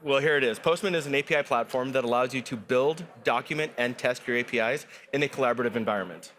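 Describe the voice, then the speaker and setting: A man guest explaining a software product in an upbeat, explanatory way, with some restarts. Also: mid-range voice, fast, faint music behind. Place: conference studio set.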